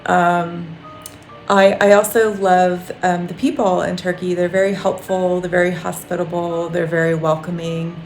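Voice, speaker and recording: A woman with a lowish voice speaks earnestly about her reasons for moving abroad, often pausing on an um. The room rings with echo. Soft music plays behind her. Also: little pitch movement. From United States. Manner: earnest, frequent ums. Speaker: interviewee. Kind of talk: casual personal account. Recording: echoey room.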